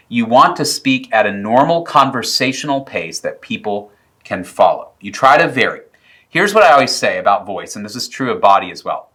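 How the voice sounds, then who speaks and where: A man teaching preaching technique in a video lesson, explaining clearly and demonstrating vocal examples. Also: medium pitch, bright, forceful tone. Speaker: preaching instructor.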